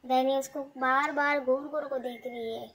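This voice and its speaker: A woman's voice: sits high, fairly even intonation, moderate pace, fairly bright tone, rough recording. A woman narrating a casual vlog as she cares for a hurt bird and scolds her dog. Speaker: vlogger.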